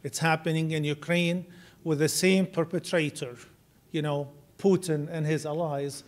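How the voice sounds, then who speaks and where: A man's voice: fairly high pitch, fairly even intonation, a little slow. A middle-aged man, giving an earnest university lecture at a lectern microphone, with frequent "you know" fillers. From Syria. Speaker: guest lecturer. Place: lecture room, indoors.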